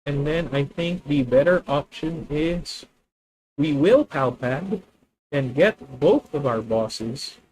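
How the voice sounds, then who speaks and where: On stream, a man from the Philippines plays cards, musing aloud and chatting with viewers in a Filipino accent. His voice is fairly high with a darkish tone and a slow pace, and the audio is poor.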